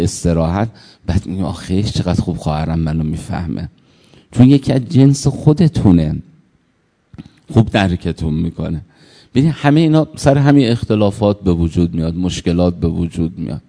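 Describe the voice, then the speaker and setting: Male preacher, low and warm, tells anecdotes in a reverberant hall. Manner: storytelling, acting out the people in his stories. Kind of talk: sermon with anecdotes.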